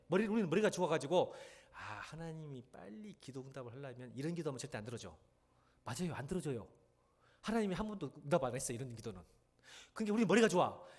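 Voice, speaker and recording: A middle-aged male pastor preaching in a church, talking conversationally and mimicking people with playful, rough slang. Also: medium pitch, a little mellow. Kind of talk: sermon. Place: church sanctuary.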